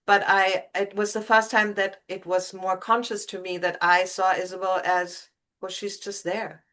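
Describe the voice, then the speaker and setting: A woman co-host speaks in a soft, halting way as she reflects on her own story. Her pitch is ordinary for a woman, and her pace is unhurried. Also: level tone. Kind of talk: emotional personal reflection.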